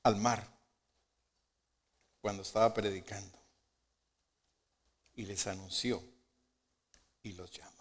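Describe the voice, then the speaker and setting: A man preaching a sermon as pastor, asking rhetorical questions and moving between soft low asides and loud emphatic lines. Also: steady tone, slow, long pauses. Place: church sanctuary. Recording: long hall reverb of a church sanctuary.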